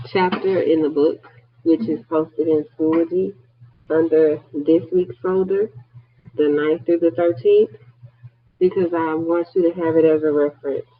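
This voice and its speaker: Male nursing instructor, online lecture, husky high voice, explanatory with light humor, tinny lo-fi sound. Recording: tinny phone-like audio.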